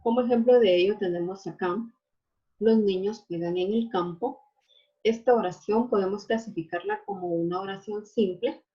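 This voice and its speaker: A woman teacher lectures in a low, mellow voice, explaining step by step. She leans on fillers and tag questions as she goes. The recording sounds dull and lo-fi. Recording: dull lo-fi audio.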